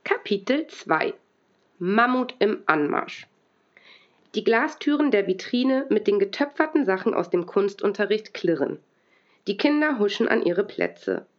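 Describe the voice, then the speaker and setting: A woman reading a children's book aloud in a lively, expressive storytelling voice. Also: mid-range voice, unhurried. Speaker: school librarian reading aloud. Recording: dull lo-fi recording.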